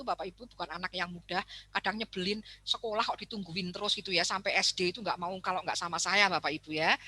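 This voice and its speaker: A middle-aged woman psychologist, talking to parents over a video call and acting out the voices of children and teachers. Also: mid-range voice. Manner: animated, acts out quoted voices of children and teachers. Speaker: psychologist speaking at a parenting webinar. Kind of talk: lively talk to parents.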